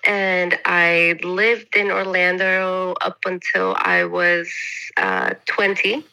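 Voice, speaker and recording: A woman, a podcast guest, talking late at night, unhurried and tired, filling pauses with ums and laughing lightly. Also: on the low side, flat delivery, creaky, pushed and bright, poor audio. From United States. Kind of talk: casual interview.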